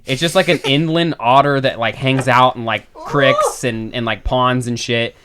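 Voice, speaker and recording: A man's voice: mid-range voice, moderate pace, noisy background. A man chatting casually as a podcast co-host in a rowdy, profane, slangy frat-bro manner. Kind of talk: casual chat.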